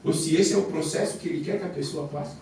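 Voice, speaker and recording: A Brazilian man preaches a fervent sermon to a church congregation, emphatic, repeating phrases and tossing out rhetorical questions. He talks fast in a fairly high, slightly mellow voice. The recording is very echoey, from a distant mic in the church hall, with faint noise.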